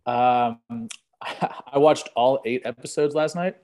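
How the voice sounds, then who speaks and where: A man who is a podcast guest, chatting casually in a relaxed way, with loose swearing and chuckles. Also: mid-range voice, slow. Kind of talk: casual chat.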